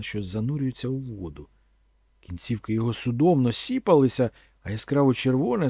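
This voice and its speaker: A man narrating an adventure story as an audiobook reader, in an expressive storytelling manner. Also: medium pitch, husky, no room sound, clean studio sound. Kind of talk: scripted narration.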